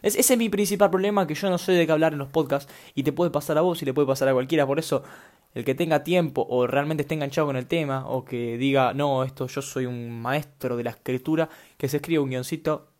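A man's voice: on the high side, fast, a little mellow. Young Rioplatense man, solo podcast host, loose slangy rambling. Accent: Rioplatense Spanish. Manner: scattered, self-mocking, slangy.

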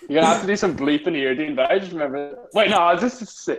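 A man's voice: fairly high pitch, brisk, a crowd in the background. A young man, chatting casually on a podcast and laughing through rambling school stories. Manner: laughs often while telling stories, rambling. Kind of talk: casual chat.

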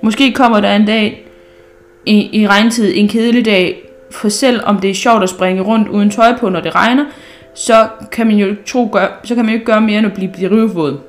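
A bold, cheeky storybook girl, read aloud by a woman, chatting away about fanciful plans. Her voice sits at a middling pitch and stays close to an everyday speaking voice. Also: fairly even intonation, soft background music, lightly acted. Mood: playful.

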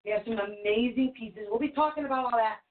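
A woman with a slightly high voice talks fast as she hosts a live call-in psychic reading show. A spirit reader whose first language is Portuguese, she is reassuring and chatty, repeating things for emphasis, and the sound is narrow and phone-like.

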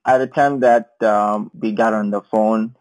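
A man's voice: lowish voice, fairly even intonation, measured pace, a little mellow, poor audio. A man, a podcast guest, speaking thoughtfully with frequent hesitations. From Ghana. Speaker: interview guest. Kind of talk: casual interview.

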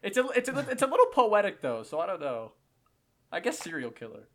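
A man with a fairly high voice that swings widely in pitch, chatting on a podcast. He thinks out loud, wavers and restarts his sentences as he talks. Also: wildly swooping pitch, a little fast. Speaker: podcast co-host and quiz contestant. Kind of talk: casual podcast chat.

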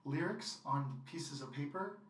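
A woman guest in a casual interview, playful and laughing, who acts out quotes loudly. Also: low-pitched, unhurried. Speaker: guest performer. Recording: echoey room from far off.

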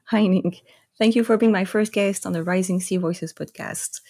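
Steady in tone and normal in speed, her mid-range voice is mellow. She's in her thirties, comes from Corsica, France, and speaks with a French accent while hosting a podcast, reading a careful intro before a laid-back conversation with her guest.

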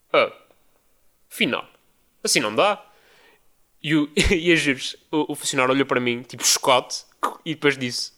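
A young man with a European Portuguese accent, hosting a podcast and telling a story casually, mimicking people he describes. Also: clean tone. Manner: animated storytelling, mimics others in high voices. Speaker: podcast host.

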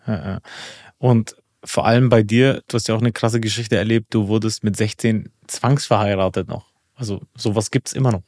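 A man's voice: lowish voice, steady tone, normal speed, darkish tone, no echo. Man, podcast host, earnest questions, dry close sound. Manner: earnest, fills with "äh" and restarts when asking questions. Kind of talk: podcast interview. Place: indoors.

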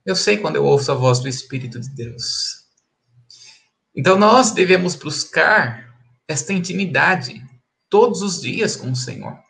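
Pastor guy preaching on a stream, kinda high voice, lots of gravel, repeats himself for emphasis. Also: animated, unhurried, a bit bright. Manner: emphatic, repetitive, chuckles between points. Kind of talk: live-streamed Bible study preaching.

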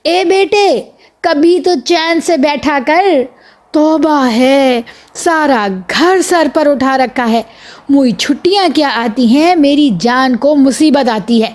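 A woman voicing a scolding, gossipy mother with sharp chatter. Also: on the high side, close to an everyday voice.

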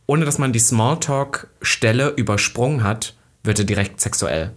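A man's voice: medium pitch, moderate pace. A man in casual podcast chat, telling playful stories and laughing often. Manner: playful storytelling, frequent laughter.

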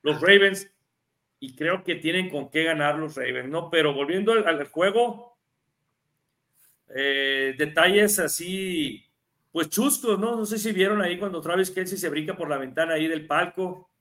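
A man's voice: fairly high pitch, unhurried, pushed and bright. A man with a Mexican Spanish accent, co-hosting a casual NFL talk show, chatty and given to repeating words as he restarts. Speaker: NFL podcast co-host. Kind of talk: casual sports analysis chat.

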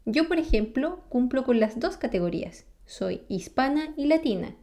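A Chilean vlogger, a native Spanish speaker with a Chilean accent, explains ideas to camera in a friendly way, often asking the listener questions and laughing between points. Her voice sits high and has a dark tone, animated and at a moderate pace.

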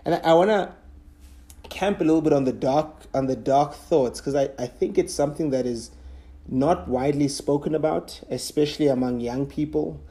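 Guy hosting a long interview, mellow dark voice, lots of "you know"s, encouraging. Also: fairly high pitch, normal speed. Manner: encouraging, affirming listener with many "you know"s. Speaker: interviewer host.

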